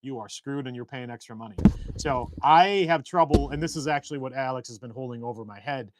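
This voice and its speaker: A man co-hosting a casual live stream from a shed workshop, talking in long rambling, animated stories. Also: mid-range voice, brisk, heavy background noise. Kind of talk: casual chat.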